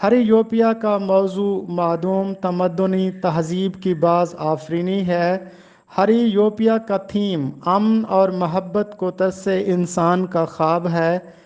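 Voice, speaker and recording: Male lecturer teaching pronunciation, slow and precise delivery, muffled lo-fi sound. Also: sits high, flat delivery, darkish tone. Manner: slow, deliberate, enunciating each word. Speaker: Urdu literature lecturer.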